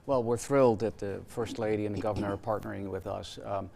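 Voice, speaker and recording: A man answering formally as an executive guest in an interview, measured and halting in delivery. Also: lowish voice, steady tone, creaky, darkish tone. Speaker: health system president, interview guest.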